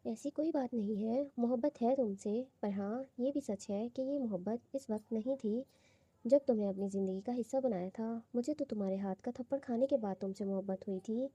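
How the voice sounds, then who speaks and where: A woman's voice: fairly high pitch, warm tone, husky, no echo. A woman voicing a teasing, romantic young husband in a coaxing, playful way. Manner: coaxing, playful, lightly reading.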